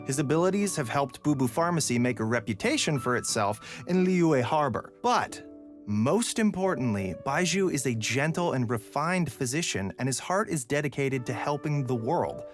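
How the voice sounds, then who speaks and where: A man's voice: medium pitch, expressive, normal speed. A man presenting a program in a scripted but playful, bantering style. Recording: music behind the voice.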